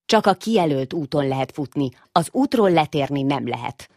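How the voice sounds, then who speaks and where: A woman's voice: deep voice, animated, no echo, clean studio sound. A woman voicing a patient but firm father mouse who warns his sons. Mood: fatherly. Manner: gentle, strict when warning.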